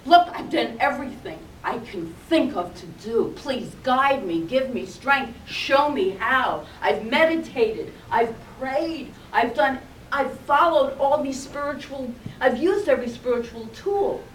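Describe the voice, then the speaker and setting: A woman's voice: sits high, animated, unhurried, slight background noise. A woman voicing a frightened single mother who prays in panic, pleading anxiously. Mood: panicked pleading. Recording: echoey room, distant mic.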